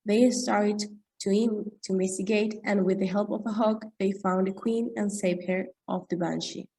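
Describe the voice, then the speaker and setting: A woman's voice: medium pitch, fairly even intonation, normal speed, warm tone, breathy edge, rough recording. A nineteen-year-old woman from Argentina, a language student summarizing a story for a class presentation.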